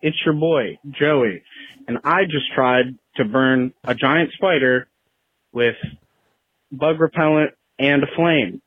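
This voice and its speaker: A man's voice: mid-range voice, slow pace. A man calling in and leaving a casual voicemail for a radio show, heard over the phone. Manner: casual, upbeat greeting, rambling anecdote. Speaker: caller. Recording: tinny phone line.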